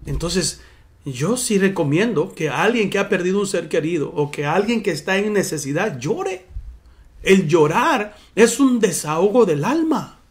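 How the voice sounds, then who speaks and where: A man's voice: high-pitched, expressive, measured pace. A man preaching a sermon in church as pastor, earnest and personal, often calling his listeners brothers.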